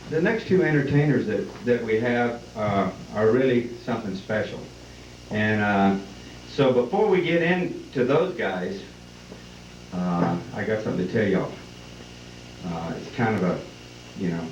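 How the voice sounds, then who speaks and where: A man with a cowboy drawl hosts a live benefit event and recites folksy comic verse to the audience. His lowish voice is animated and unhurried, with frequent pauses. The recording is distant, echoey, and muffled, captured in a noisy live hall.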